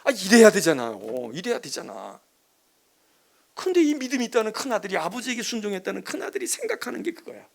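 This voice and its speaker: A male pastor preaches in a church with an animated, talky and emphatic delivery, his pitch leaping widely. His voice sits fairly high for a man and carries a gravelly rasp. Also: quick pace. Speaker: senior pastor. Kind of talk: sermon.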